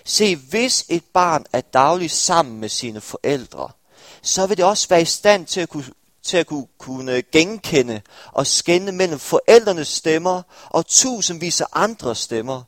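Earnest male preacher, bright dry voice. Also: on the high side, lively intonation, no echo. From Denmark. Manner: earnest, addresses listeners with questions. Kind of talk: sermon. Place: church hall with congregation.

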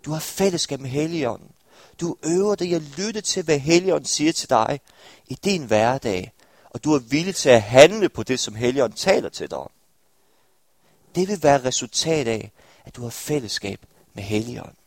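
A man's voice: mid-range voice, expressive, no echo. A young man from the area of Denmark, preaching a sermon to a congregation and often turning to his listeners with questions. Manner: earnest, addresses listeners with questions. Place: church hall with congregation.

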